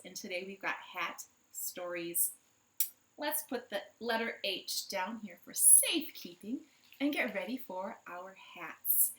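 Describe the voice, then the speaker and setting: Recorded in a living room with a roomy echo, this woman hosts a children's storytime as a library storytime host. Her fairly high voice sounds bright and forceful as she plays up the stories and quizzes the kids listening.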